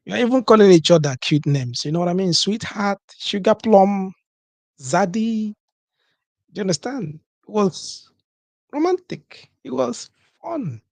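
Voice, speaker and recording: Gravelly man riffing comedically. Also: high voice, dry recording. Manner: animated, acts out couples' dialogue, keeps asking "you understand?". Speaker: comedic commentator. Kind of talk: comedic monologue on livestream.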